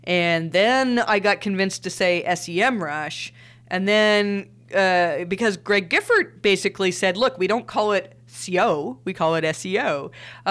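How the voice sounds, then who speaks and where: A woman's voice: mid-range voice, fairly bright tone, clear, resonant tone. Chatty woman hosting a solo podcast. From Canada. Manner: chatty, with frequent fillers and restarts. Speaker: podcast host. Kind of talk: casual solo podcast talk.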